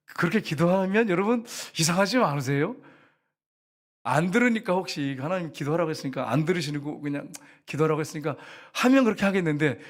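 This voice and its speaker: A middle-aged male pastor preaching a lively sermon, often calling out to the congregation and softly acting out prayers. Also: high-pitched.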